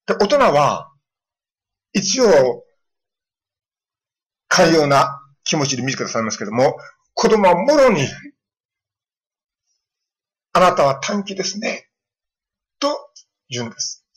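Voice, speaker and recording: A middle-aged male pastor preaching a sermon, telling stories and acting out children's lines in a lively way. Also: on the high side, measured pace, long pauses, slightly rough, rough recording. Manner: storytelling with lively voiced quotes of children.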